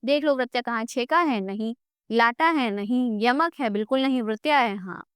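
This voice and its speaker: A woman's voice: fairly high pitch, moderate pace, a bit bright, smooth, no echo. A woman teaching an exam-prep grammar lesson on a close mic, coaxing her students and asking herself questions before answering them. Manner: addresses students as "beta".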